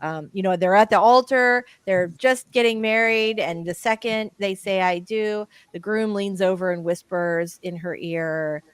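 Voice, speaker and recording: A woman's voice: mid-range voice, measured pace, hardly any pauses, clean tone, no room sound. A woman co-hosting a casual live-stream chat, reading viewer comments aloud and talking with many restarts. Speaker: livestream co-host.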